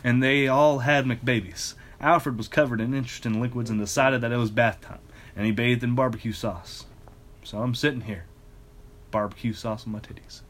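A man reading a ridiculous fan fiction story aloud in a casual, deadpan way, now and then breaking into laughter. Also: mid-range voice, moderate pace, slight background noise.

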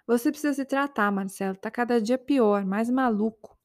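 A fed-up young girlfriend in a spoken story, voiced by a woman reading it. She scolds firmly and plainly, in a dry, close voice pitched a little high. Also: moderate pace, dry recording, natural voice. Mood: reproachful. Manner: firm, reproachful.

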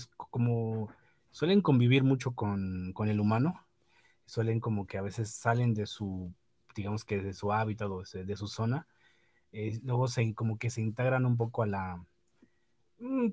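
Here the podcast host is a man whose voice sits on the low side and sounds a little mellow, with no echo. He talks casually about the news, stumbling through fillers and restarts and chuckling at his own comments.

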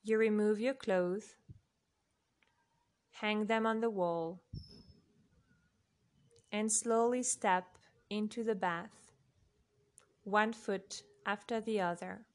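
A woman narrating a guided sleep meditation in a soft, unhurried way, with long pauses between phrases. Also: medium pitch, steady tone.

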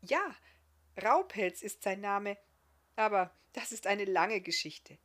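A woman voicing a joyful young female dust elf in a read-aloud fairy tale, high and excited. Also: slow pace. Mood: elated.

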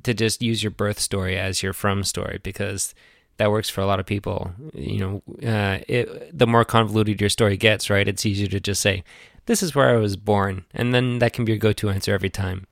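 Interview host, man: low, gravelly voice, dry close mic, gentle and halting questions. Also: steady tone, dry recording. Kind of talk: podcast interview.

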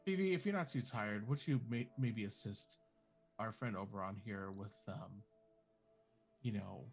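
A man's voice: fairly low pitch, unhurried, vocal fry, soft background music. A man playing casually in an improvised tabletop role-play, wry and a little hesitant. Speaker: role-playing game player.

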